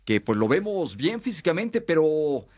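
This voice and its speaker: A man hosting a sports talk show who asks long, lively questions. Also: fairly high pitch, normal speed.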